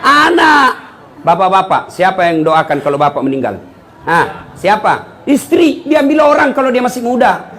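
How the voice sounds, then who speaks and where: High-voiced man preaching with jokes. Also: moderate pace. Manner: jokey, animated storytelling with asides to the audience. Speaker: Islamic preacher. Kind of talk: humorous sermon to a congregation.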